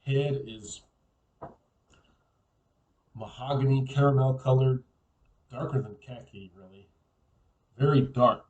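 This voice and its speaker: Man, casual solo beer review, musing, repeats words, mid pitch, slightly distant mic. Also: slow, pauses often, muffled recording. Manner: relaxed, musing, repeats himself.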